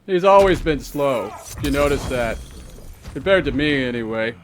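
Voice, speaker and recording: A man's voice: mid-range voice, animated, moderate pace, lightly acted. A man playing an arrogant middle-aged alien superhero in casual parody commentary, smug and dismissive.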